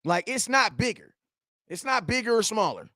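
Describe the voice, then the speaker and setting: A man, reading and answering viewer chat in a slangy, animated sports rant. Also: high-pitched, normal speed, no room sound, studio quality. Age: 40s. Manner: animated, slangy trash talk, shouts at chat. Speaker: sports fan streamer.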